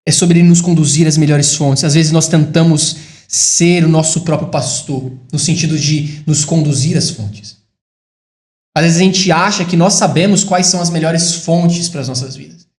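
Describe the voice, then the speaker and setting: Um homem brasileiro pregando um sermão, alternando declarações enfáticas que sobem com comentários baixos e reflexivos. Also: male voice, steady tone, moderate pace, reverberant. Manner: rises to emphatic high declarations, drops to quiet reflective asides. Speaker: preacher. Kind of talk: sermon.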